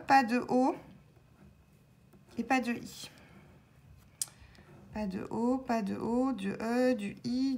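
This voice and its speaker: A woman vlogging as she scratches lottery tickets, chatting casually and calling out the letters as she goes. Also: high voice. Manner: chatty, thinks aloud, spells out letters.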